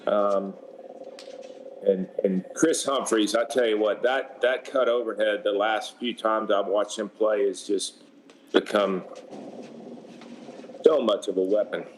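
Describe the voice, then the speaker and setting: A man's voice: fairly low pitch, steady tone, slow pace, long pauses, slight background noise, rough recording. A man giving color commentary on a platform tennis match, conversational and often restarting his sentences. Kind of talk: sports commentary.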